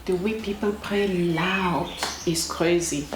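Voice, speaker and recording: A young woman from Cameroon, talking casually to camera as a vlogger, slow and deliberate with pauses and emphatic repetitions. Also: on the low side, fairly even intonation. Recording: echoey room with clear background noise.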